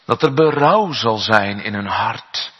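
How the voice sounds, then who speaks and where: A man's voice: lowish voice, animated, slow, a bit bright, husky. A man preaching a sermon as a pastor, earnest and full of rhetorical questions, in a church. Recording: echoey hall, dull sound.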